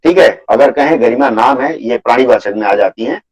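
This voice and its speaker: A man teaching a Hindi grammar class over a video call, patiently repeating his points and slowly listing example words for students. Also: medium pitch, expressive, darkish tone, poor audio. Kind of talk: live online class lecture.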